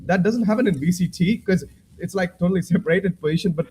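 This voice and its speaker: A man gives post-match esports analysis in a high voice. He talks hesitantly, circling back with plenty of fillers and restarts. A faint hiss of noise runs under his headset mic. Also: quick pace, a little mellow, poor audio. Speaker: esports caster.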